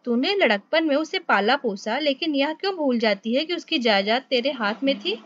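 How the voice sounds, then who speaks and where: A woman's voice: high voice, lively intonation, fairly bright tone, muffled recording. Woman reading as a reasoning village accountant. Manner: measured, reasoning.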